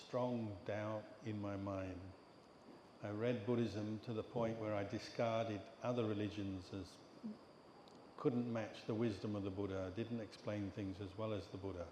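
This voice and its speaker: In an echoey hall with a long reverb tail and some background noise, an older English monk delivers a dharma talk. He is a man with a low, level voice who narrates calmly, with measured pacing and pauses.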